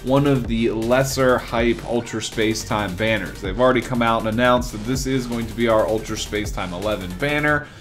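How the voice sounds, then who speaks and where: Young man, gaming host, casual rambling commentary, mid-pitched voice, soft music behind. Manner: chatty, rambling, with fillers. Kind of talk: casual commentary on game news.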